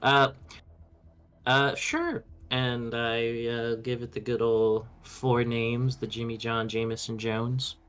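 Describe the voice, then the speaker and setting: A man's voice: mid-range voice, flat delivery, slow pace, a bit bright, clean tone. A man playing in a tabletop game, casual and jokey while tallying his numbers aloud. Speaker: player.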